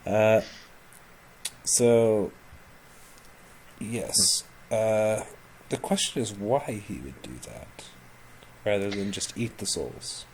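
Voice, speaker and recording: A man's voice: fairly low pitch, drawn-out words, pauses often, a little hiss or hum. A man acting as game master of a tabletop game over a call, explaining lore with many fillers.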